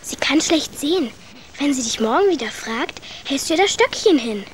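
An actress playing the young girl Gretel in a radio play, defiant and clever, with a bright childlike voice. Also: high voice, expressive, normal speed, a little hiss or hum. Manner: bright childlike voice, defiant, whispers when scheming.

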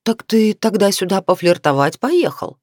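A woman's voice: lowish voice, expressive, moderate pace, darkish tone, no room sound, studio quality, natural voice. A woman reading aloud, voicing a touchy, nervous middle-aged wife with a wry, defensive way of speaking. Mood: prickly.

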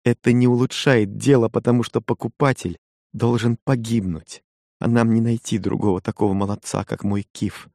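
A man's voice: mid-range voice, steady tone, normal speed, a little mellow, dry recording, clean studio sound, voice pushed up, close to an everyday voice. A man voicing a loving, resolute young island woman who speaks earnestly and pleads with feeling. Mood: determined.

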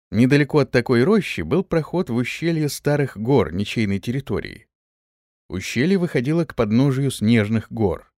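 A man narrating a fantasy audiobook in a measured, expressive reading. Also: mid-range voice, dry recording, clean studio sound.

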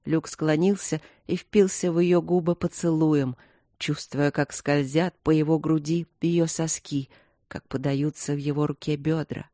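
A woman narrates a story at a measured pace, her lowish voice soft and mellow. The sound is dry and close, as from a studio mic with no room around it. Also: steady tone, no room sound. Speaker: audiobook narrator. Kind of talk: scripted audiobook narration.

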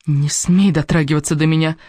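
Harsh young woman from an audiobook, read by a man: clipped, cold, fairly high voice, dry sound. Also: fairly even intonation, fairly quick, no room sound, lightly acted. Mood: furious. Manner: sharp, clipped retorts. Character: furious betrayed young woman, cold and proud.

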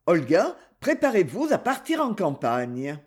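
Self-assured young detective, read by a man, husky and high. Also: huge pitch swings, measured pace, exaggerated voice. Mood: amused. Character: young amateur detective, calm and amused.

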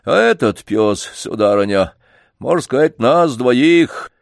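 A man's voice: medium pitch, lively intonation, unhurried, no room sound, studio quality, close to an everyday voice. A man voicing an old, humble but dignified street organ grinder, deferential and folksy. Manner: deferential, folksy, quietly stubborn. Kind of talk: audiobook character reading.

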